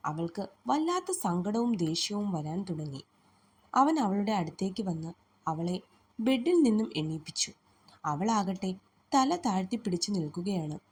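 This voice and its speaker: A woman reads a romantic story aloud in a soft, gentle way. Her voice is breathy and sits at an ordinary middle pitch. She voices the lovers' lines herself as she goes. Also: very animated, a little slow. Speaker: narrator. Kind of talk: storytelling narration with dialogue.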